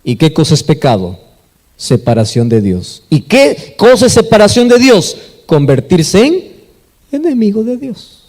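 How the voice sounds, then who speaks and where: Peruvian pastor guy preaching slow, high voice swinging up and down, big hall echo. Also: sing-song, a little mellow. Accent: Peruvian Spanish. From Peru. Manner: emphatic, questions the congregation and answers. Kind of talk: sermon. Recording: echoey hall with long reverb.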